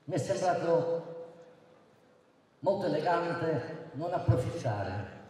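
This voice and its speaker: Booming, slow-paced man orating at an echoing rally. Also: expressive, dark tone. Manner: booming, declamatory public oratory. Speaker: mayoral candidate. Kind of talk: political rally speech. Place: outdoor town square rally. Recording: echoey distant PA with crowd, faint noise.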